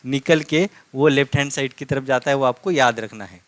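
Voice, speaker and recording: A man teaching a live online language lesson, slowly drilling words by repeating each one and checking in with tag questions. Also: mid-range voice, no echo. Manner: slow, repetitive drilling with frequent tag questions.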